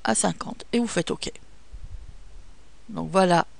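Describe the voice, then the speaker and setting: Woman with gravelly fry giving steps. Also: on the low side, takes it slowly. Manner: step-by-step instructions with frequent fillers. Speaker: tutorial presenter. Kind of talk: screen-recorded software tutorial.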